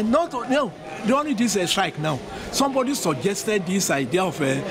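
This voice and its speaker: An older man in his sixties with a high-pitched voice talks earnestly outdoors by a school. He often restarts and repeats phrases as he gives his views. Loud crowd chatter fills the background of the recording. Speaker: educationist interviewed in a vox pop. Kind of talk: earnest street interview opinion. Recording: crowd noise loud behind.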